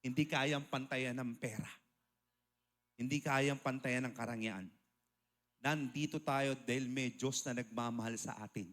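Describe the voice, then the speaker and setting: A man's voice: mid-range voice, steady tone, unhurried, fairly bright tone. A male pastor preaching a sermon, mixing in English and asking rhetorical questions of the congregation.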